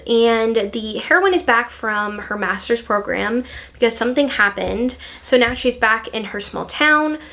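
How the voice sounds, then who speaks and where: A woman's voice: fairly high pitch, a bit bright. A young woman casually recommending books on her channel, gushing and full of fillers. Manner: gushing, filler-heavy chatter. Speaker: booktuber.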